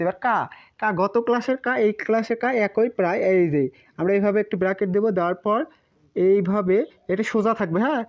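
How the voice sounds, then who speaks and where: Woman, Bangladeshi Bengali accent, teacher, patient syllable drills, mid-pitched, slightly dull lo-fi sound. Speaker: language teacher. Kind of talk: explaining at a board.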